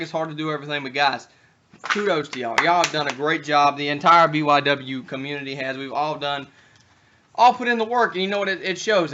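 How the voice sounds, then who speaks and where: Brash, bright-voiced trash-talking young man. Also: on the high side, dull audio. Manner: trash-talking, loud rants, bursts of shouting. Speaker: talk show host, backyard wrestling persona. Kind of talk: brash wrestling promo talk show.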